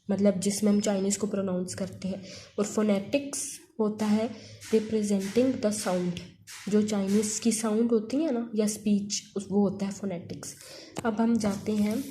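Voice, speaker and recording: A woman's voice: mid-range voice, dark tone, a little hiss or hum. A woman teaching an online language lesson, patiently repeating points and mixing in English terms. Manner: mixes Hindi-Urdu with English terms.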